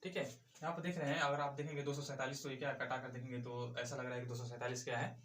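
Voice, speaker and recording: A man's voice: mid-range voice, flat delivery, racing, fairly bright tone, echoey room. A male math teacher explaining a lesson step by step, asking and answering his own questions as he goes.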